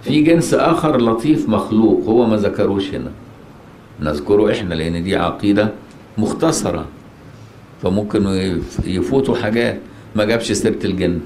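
Low-voiced Egyptian man teaching in a mosque. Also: brisk, long pauses, darkish tone. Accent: Egyptian Arabic. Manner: asks rhetorical questions, checks understanding. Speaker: religious teacher. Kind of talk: colloquial religious lesson. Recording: echoey mosque, faint noise.

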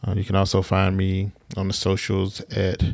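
A man's voice: low voice, completely flat delivery, normal speed, vocal fry, darkish tone, no echo. A man from Alabama, hosting a casual podcast chat with teasing, dry banter. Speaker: podcast host.

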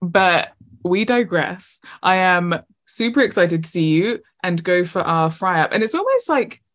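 A woman co-hosting a podcast in casual chat, talking in quick asides and laughing often. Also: lowish voice, sing-song. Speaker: podcast co-host.

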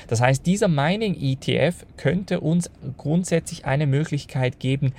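A man runs through the day's news in a brisk, matter-of-fact way. The audio is low quality because it was recorded away from his usual setup. Faint noise and a low rumble sit behind his middle-pitched voice. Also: a little mellow. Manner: brisk, matter-of-fact, talks straight to listeners. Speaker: podcast host. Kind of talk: news rundown podcast.

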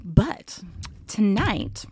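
A woman's voice: mid-range voice, big pitch swings, drawn-out words, darkish tone, slightly rough, dry recording, clean studio sound. A woman co-hosting a podcast in casual chat, talkative, with many fillers. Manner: chatty, filler-heavy, laughs easily. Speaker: podcast co-host.

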